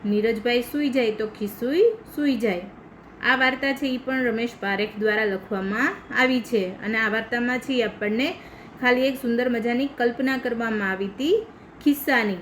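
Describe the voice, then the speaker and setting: Woman from India, primary teacher, reads story aloud, patient explanations, highish voice, faint noise. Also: moderate pace, rough recording.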